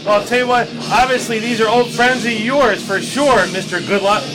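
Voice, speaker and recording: A man's voice: sits high, moderate pace, over music, poor audio. A man doing live play-by-play commentary at a wrestling show.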